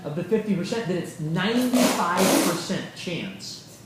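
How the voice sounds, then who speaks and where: Male yoga teacher, lively informal lecture, acts out voices, swears; far-off mic in a roomy hall. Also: high voice, moderate pace, very noisy. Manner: animated, acts out quoted voices, swears casually.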